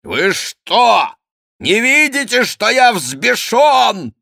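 A male reader plays a fierce count losing his temper, barking accusations and threats. His bright, forceful voice leaps high and loud in anger. It is recorded close and dry. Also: very animated, slow, no echo, heavily acted. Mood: enraged. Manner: angry, shouting, threatening. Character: furious, hot-tempered older male count, a huntsman. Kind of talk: audiobook character reading.

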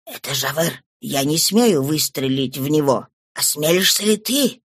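A reader voicing a frightened male bandit in an audiobook, hushed and nervous. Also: mid-range voice, steady tone, fairly quick, no room sound, studio quality, natural voice. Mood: hushed, fearful. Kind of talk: audiobook reading.

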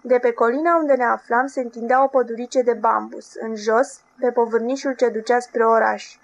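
A woman narrating an audiobook novel in a steady, even reading voice. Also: fairly high pitch, gravelly.

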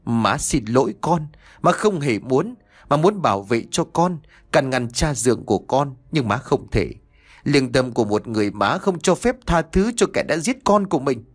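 A man's voice: medium pitch, big pitch swings, moderate pace. A man reading a storybook voices a middle-aged mother who tearfully pleads with her son. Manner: pleading, sobbing confessions.

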